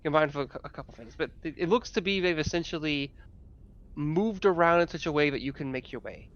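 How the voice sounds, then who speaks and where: Higher-pitched man as halting game master. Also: fairly bright tone, highs cut off. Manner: hesitant, halting, self-correcting. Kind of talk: improvised tabletop game narration.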